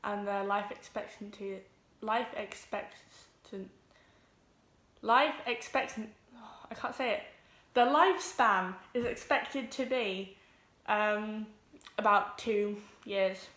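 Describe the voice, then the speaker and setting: Teen girl chatting nervously to camera, lots of ums, middle pitch, echoey room. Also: fairly bright tone. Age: teens. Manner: nervous, talks quickly with many ums. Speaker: vlogger. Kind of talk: casual vlog introduction. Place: home room with pets.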